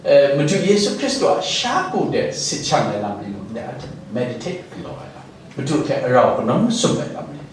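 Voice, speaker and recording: A man's voice: mid-range voice, big pitch swings, a little fast. A male pastor preaching a sermon, dropping English words into his speech now and then. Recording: very echoey hall, distant mic, faint noise.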